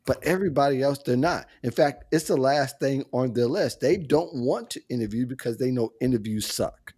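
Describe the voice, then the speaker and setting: A man with a voice of middling pitch hosts a casual panel chat over a video call. His talk is loose and conversational, and he often breaks into easy laughter between points. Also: animated, moderate pace, darkish tone, slightly rough. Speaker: host.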